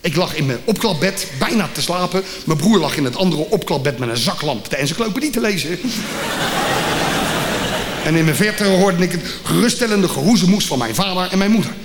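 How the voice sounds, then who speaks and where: A man from The Hague tells a comic story on stage, in a slightly high voice that jumps about as he acts out every voice. The live theatre recording carries a long hall reverb, with audible background noise and audience laughter. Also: expressive, a little fast. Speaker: comedian.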